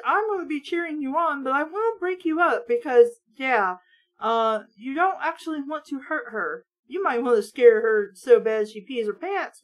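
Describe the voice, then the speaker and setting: A high-voiced woman reads a story aloud, hosting a mock book show and cutting in with sarcastic, exasperated commentary full of swearing.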